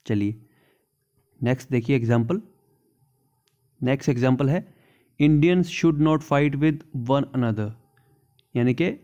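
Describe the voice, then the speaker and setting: A man teaching an English grammar lesson in Hindi. He reads the English examples slowly and keeps checking in with "theek hai na". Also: mid-range voice, warm tone, muffled recording.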